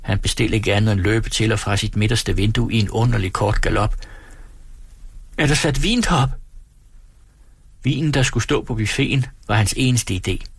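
A man reading a novel aloud for radio in calm, measured narration. His voice sits low, with a gravelly, husky texture. The sound is close and dry. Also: dry recording. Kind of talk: literary reading.

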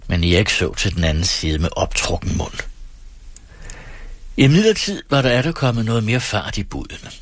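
A man reads an audiobook in a low, husky voice at a steady, measured pace. The recording is dry and close, with no room sound around it. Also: dry recording. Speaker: audiobook reader. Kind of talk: audiobook narration.

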